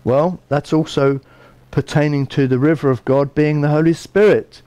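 A bishop in his fifties preaches a sermon in an earnest, conversational way with a British English accent. His voice is fairly high, mellow and fairly even in intonation, at a normal speed with no echo. He's in a small indoor room by a window.

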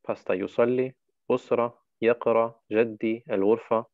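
A man's voice: mid-range voice, fairly even intonation, unhurried, dry recording. Patient male Arabic tutor, dull audio. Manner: patient, walks the student through each option. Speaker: Arabic teacher. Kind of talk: one-to-one online language lesson.

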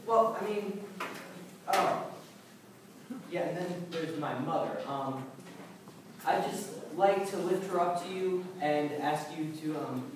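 A young actor playing a teenage boy who rambles through a wish-list prayer in a church skit. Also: sits high. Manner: rambling, bargaining, awkward. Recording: echoey room from far off, faint noise.

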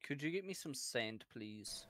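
A man's voice: mid-range voice, expressive, normal speed, pushed and bright, slight background noise. A man chatting casually while playing a video game, teasing and sarcastic. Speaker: gamer. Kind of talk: casual gaming chat.

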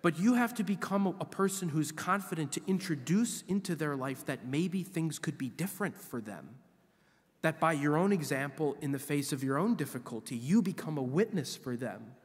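A man in his forties, a visiting priest, preaching a sermon at a church lectern in an animated, emphatic way. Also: on the high side, moderate pace. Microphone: lectern microphone. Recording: long church reverb.

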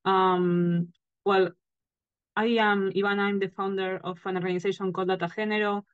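A woman's voice: medium pitch, little pitch movement, normal speed, clean tone, no echo. A woman speaking on a cell phone call over a shaky connection from a hotel room, a frank and outspoken panelist. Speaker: panelist, founder of a data organization. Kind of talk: online panel discussion. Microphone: cell phone on a video call. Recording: dull lo-fi phone audio.

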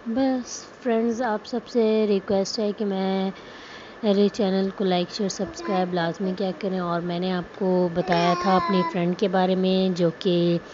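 A woman's voice: mid-range voice, little pitch movement, measured pace. A young woman, chatting casually through a vlog, with many fillers and asides. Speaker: vlogger. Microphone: phone. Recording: muffled phone audio with background noise.

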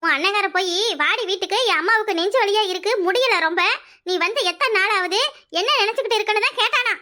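A woman's voice: very high-pitched, quick pace, bright, forceful tone. A woman with a Kanyakumari Tamil accent voicing an aggrieved older village mother in a cartoon, complaining theatrically. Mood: scolding. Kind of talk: animated cartoon comedy dialogue.

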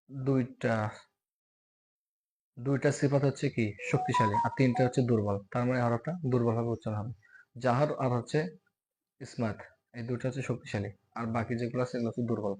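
A man with a Bangladeshi Bengali accent teaching Quran letter pronunciation, repeating sounds slowly and loudly as demonstrations and often asking "okay?". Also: mid-range voice. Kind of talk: recitation lesson on letter pronunciation.

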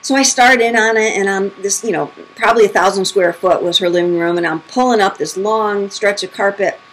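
A woman's voice: fairly quick, poor audio. A middle-aged woman, a spirit medium, telling her own stories in a chatty, casual way and acting out the quotes. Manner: chatty, acts out quotes with big pitch jumps. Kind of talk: casual storytelling monologue.

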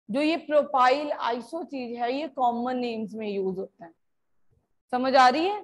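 A high-pitched woman teacher from India explains chemistry at an unhurried pace. She drifts between Hindi and English and keeps asking her students whether they understand. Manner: mixes Hindi and English, checks understanding often; addresses students as beta. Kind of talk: classroom lecture.

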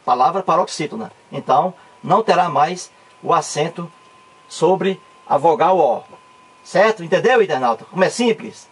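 A man's voice: fairly high pitch, animated, moderate pace, husky. A man with a Cearense accent from northeastern Brazil, explaining a grammar lesson with lots of emphatic repetition. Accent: Cearense Brazilian Portuguese. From Ceará, Brazil. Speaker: teacher.

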